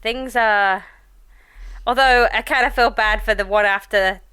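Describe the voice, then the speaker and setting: A woman's voice: fairly high pitch, steady tone, unhurried, sharp tone, clean tone. A woman co-hosting a fan podcast, chatting in a casual, playful and informal way. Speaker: podcast co-host.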